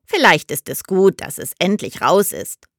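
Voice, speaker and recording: A brisk older mother, as a woman reader puts her on, snaps her words out curtly and with command. Her voice swings widely in pitch and sits close and dry. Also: very animated, dry recording, heavily acted. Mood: brisk, stern. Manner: curt, commanding.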